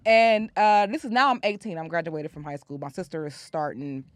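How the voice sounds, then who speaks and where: A woman co-hosting, sharing personal anecdotes in animated, slangy chat and acting out what people said. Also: lowish voice, fairly quick, no room sound. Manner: animated, slangy, acts out quotes. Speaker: show co-host.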